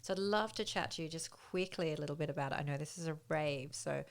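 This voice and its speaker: A confident woman co-host with a notably low voice for a woman. She delivers her segment with emphasis, in an informative, semi-scripted way. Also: fast talker, creaky, clear, resonant tone.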